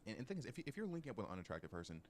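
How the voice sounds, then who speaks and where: Fast-talking man with a very deep voice. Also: big pitch swings, a little hiss or hum. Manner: mock-advice delivery with dramatic asides. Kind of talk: joking casual chat.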